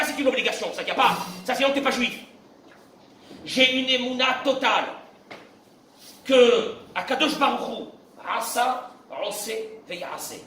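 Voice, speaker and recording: Animated rabbi preaching in an echoey room. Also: male voice, high-pitched, far from the mic, a little hiss or hum. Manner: animated, acts out dialogues, bursts into shouts. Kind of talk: sermon.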